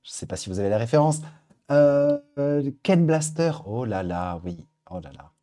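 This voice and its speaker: A man's voice: medium pitch, expressive, moderate pace, warm tone. A man hosting a live stream, chatting casually as he reads out viewer suggestions. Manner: upbeat, chatty, thinking aloud. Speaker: livestream host.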